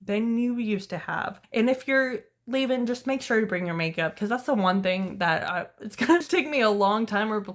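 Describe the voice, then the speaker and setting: In a casual storytime vlog, a young woman talks candidly to the camera, rambling and poking fun at herself. She's tired and her voice is going hoarse. Her fairly high voice is expressive, she moves at a moderate pace, and she barely pauses.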